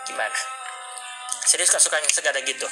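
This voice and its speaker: A man's voice: fairly high pitch, fast, over music. A man hosting a casual live stream, coaching viewers on public speaking and mixing English phrases into his talk. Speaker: livestream host. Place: indoors at a desk with a laptop.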